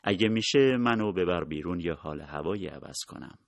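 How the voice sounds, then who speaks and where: A weary, soft-spoken wife, voiced by a man reading her part in a storybook, speaking low and wistfully. The voice stays deep with a gravelly edge. The recording is close and dry, with no room sound. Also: expressive, dry recording.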